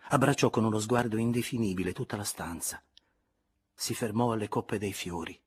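A man narrating a classic novel in a measured, expressive audiobook reading. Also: on the low side, breathy edge. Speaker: audiobook reader.

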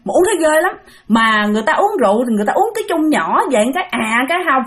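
A woman's voice: sits high, very animated, racing, a bit bright. A woman with a Southern Vietnamese accent telling a ghost story in a chatty way, speaking straight to her listeners. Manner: chatty, addresses listeners directly, many fillers. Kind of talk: casual ghost story narration.

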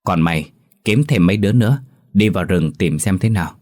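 A man with a deep voice voicing a gruff, scolding old village elder in a storybook tale. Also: brisk, darkish tone. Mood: commanding. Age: older.

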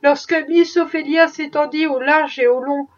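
A woman reading a classic novel aloud in a measured, expressive way. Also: sits high. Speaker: audiobook reader. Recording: dull distant recording.

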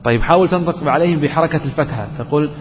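A man's voice: fairly high pitch, very fast, lo-fi sound. Man teaching grammar in an echoing hall. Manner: asks the class questions and answers them himself, repeats key phrases. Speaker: sheikh teaching Arabic grammar. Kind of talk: classroom lesson explaining a grammar poem.

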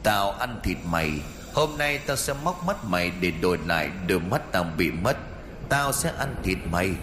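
A man's voice: lowish voice, sing-song, moderate pace, reverberant. A man voicing a vicious flesh-eating male demon, menacing and hissing, in a spoken horror story.

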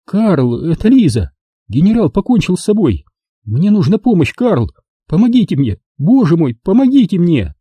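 A man's voice: measured pace, few pauses, slightly rough, no echo, full character voice. A man voicing a young woman in shock in an audiobook, her voice lifeless and then near hysteria. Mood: pleading. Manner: flat and lifeless, then shrill and pleading. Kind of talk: audiobook narration.

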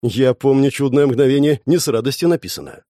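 A man's voice: mid-range voice, brisk, warm tone, no echo, studio quality, natural voice. A man reading a storybook, voicing a withdrawn teenage boy who gives short, reluctant answers. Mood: sullen.

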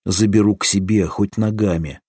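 A man reading a modern man's lines in an audiobook with a dry, deadpan manner. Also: on the low side, normal speed, slightly rough, no echo. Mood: wry.

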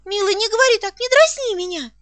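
A woman's voice: very high voice, expressive, quick pace, a bit bright, pitched above the performer's own voice. A woman voicing an eager little orphan girl who exclaims with delight in an audiobook reading. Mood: excited.

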